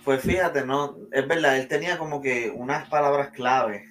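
A man's voice: medium pitch, normal speed, fairly bright tone, faint music behind. A man hosting a casual anime discussion, steering the talk with questions in a conversational way. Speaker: host.

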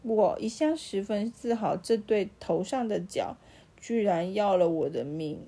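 A woman's voice: mid-range voice, expressive, unhurried, warm tone, breathy edge. A woman voicing a proud deer in a bedtime storybook reading, self-admiring and wistful. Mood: rueful. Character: proud deer, vain about its antlers.

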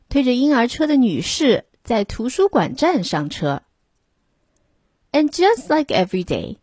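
A woman reading a children's picture book aloud, slowly and gently, lifting her voice for the characters. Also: mid-range voice, slightly rough, no echo. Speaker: storyteller.

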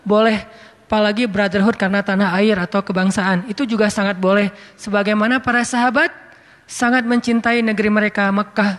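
A man's voice: high-pitched, a bit bright. A man giving a conversational religious talk, telling anecdotes and quoting Arabic verses. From Indonesia. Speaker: preacher. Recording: long reverb.

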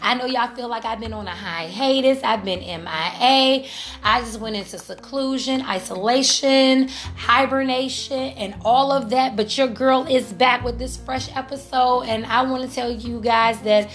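A woman's voice: a little high, measured pace, a bit bright, faint music behind. A woman hosting her own podcast, talking in an upbeat, chatty, self-reflective way. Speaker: podcast host. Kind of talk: solo podcast talk.

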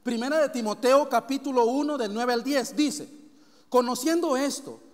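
A man's voice: very high voice, normal speed. A man preaching a sermon as pastor, reading long scripture lists and questioning the congregation directly. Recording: long hall reverb.

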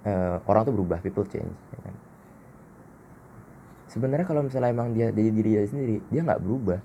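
A man's voice: on the low side, fast talker, dark tone, lo-fi sound, slight background noise. A man hosting a casual solo podcast, blunt, slangy and self-mocking. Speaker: podcast host.

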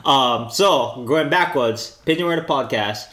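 A man's voice: medium pitch, a little slow, a bit bright. A man with a local Hawaiian accent chatting casually as a podcast co-host, using colloquial Pidgin slang. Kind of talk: casual chat. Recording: roomy echo.

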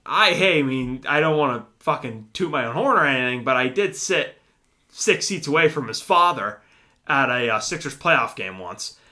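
A man's voice: mid-range voice, lively intonation, moderate pace, pushed and bright. A man co-hosting a casual sports podcast, rambling and swearing freely as he corrects himself mid-sentence. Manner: rambling, profane, self-correcting. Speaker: podcast co-host.

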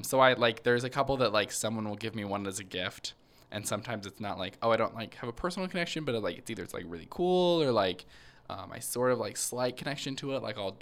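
A young man co-hosting a relaxed podcast, his talk loose and full of fillers. He drifts from one thought to the next in casual chat. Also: fairly low pitch. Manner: chatty, lots of fillers and "like". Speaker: podcast co-host.

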